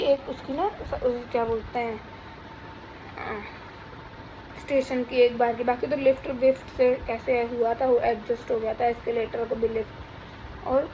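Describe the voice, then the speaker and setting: A woman's voice: sits high, warm tone, slight background noise, low-quality recording. A young pregnant woman, chatting casually in a rambling home vlog. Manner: chatty, rambling, teasing her husband. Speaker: vlogger. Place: home indoors.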